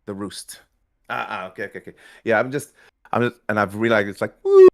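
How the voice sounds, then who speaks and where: A man chatting casually as a tabletop player, improvising in halting, repeated phrases. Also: fairly low pitch, steady tone, a bit bright. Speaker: tabletop role-playing player. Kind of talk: casual improvised role-play chat.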